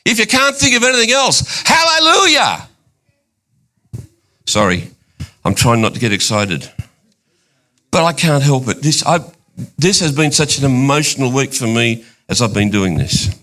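Excitable preacher, bright voice. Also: male voice, normal speed. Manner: excitable, rising to high emphatic bursts then dropping quiet and intimate. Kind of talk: sermon.

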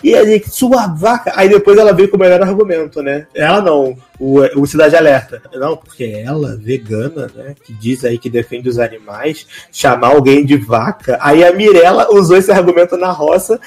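Man co-host, slightly high voice, animated gossip. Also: moderate pace, few pauses. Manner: animated, mimics people. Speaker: podcast co-host. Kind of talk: casual gossip chat.

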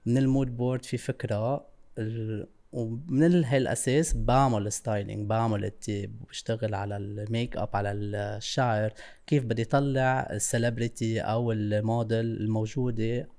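A man's voice: lowish voice, fairly even intonation, a little fast, warm tone. A man with a Levantine Arabic accent from Lebanon, chatting casually as an interview guest, searching for words and often switching into English. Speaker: interview guest, creative stylist.

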